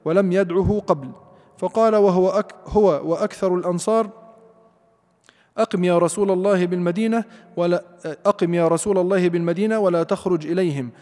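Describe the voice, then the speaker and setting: A man reading a classical commentary aloud in a steady recitation, repeating some phrases. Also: high-pitched, fast, big-room sound. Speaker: student reading the text aloud.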